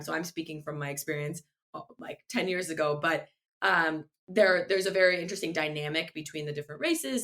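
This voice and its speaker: This woman's voice sits low with a fairly bright tone. A guest on the show, she's a legal tech founder and native Farsi speaker who responds earnestly and thoughtfully, often starting her sentences over.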